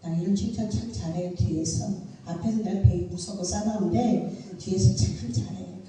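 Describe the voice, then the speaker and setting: A middle-aged woman pastor preaches to her congregation with a mellow, dark tone. She tells stories animatedly and breaks into loud bursts. She is heard from a distance in a very echoey church hall with faint background noise. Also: medium pitch, steady tone, moderate pace, soft background music. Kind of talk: sermon.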